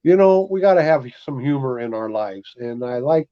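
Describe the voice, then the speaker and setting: A man's voice: mid-range voice, expressive, normal speed, smooth. A man hosting a casual chat, talking in an easygoing, conversational way. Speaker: host. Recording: slightly dull audio.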